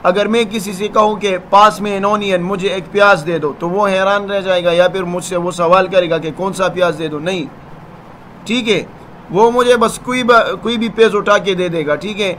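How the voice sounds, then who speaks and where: A man's voice: high-pitched, fairly even intonation, moderate pace, fairly bright tone, slight background noise. A man teaching English grammar, patiently explaining and often checking that his students follow. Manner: patient, repeats "ठीक है ना?" to check understanding.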